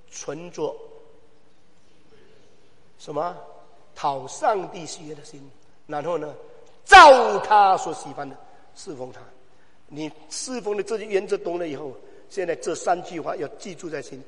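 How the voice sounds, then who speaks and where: A man preaching a sermon as pastor, swinging from low, quiet asides to loud, shouted exhortation with rhetorical questions. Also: moderate pace, long pauses. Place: church hall. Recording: long hall reverb.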